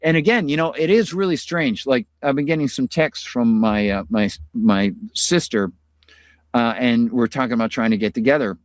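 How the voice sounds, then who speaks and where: A man's voice: mid-range voice, normal speed, dry recording, studio quality. A middle-aged man from the United States hosting a live stream, chatting in a rambling, casual way with many fillers and sounding tired from illness. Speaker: host.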